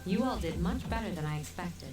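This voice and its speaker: Actress as a poised young woman leading her team, lowish voice, game audio roomy and distant. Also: lively intonation, brisk, lightly acted. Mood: composed. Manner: composed and formal. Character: poised, commanding young female student leader.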